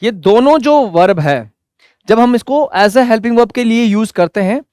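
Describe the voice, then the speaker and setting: A man teaching an English grammar lesson, loud and energetic, asking questions and answering them himself. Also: high voice, clear, resonant tone, no room sound, studio quality. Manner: drills example sentences slowly word by word. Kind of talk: classroom lesson.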